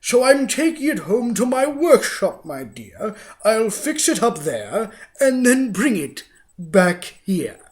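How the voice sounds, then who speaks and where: A man voicing a sly, smug creature in a storybook, with drawn-out theatrical delivery. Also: high voice, very animated, pitched above the performer's own voice, exaggerated voice. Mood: falsely sweet. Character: sly, smug, grinning male Grinch creature. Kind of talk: storybook character voice.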